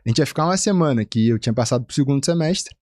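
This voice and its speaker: A man from Rio de Janeiro with a Carioca accent, a physician guest telling a personal story in a casual, animated way and acting out the voices of the people in it. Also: racing, dry recording, studio quality. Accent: Carioca Brazilian Portuguese. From Rio de Janeiro, Brazil. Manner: animated, acts out quoted voices with big pitch jumps.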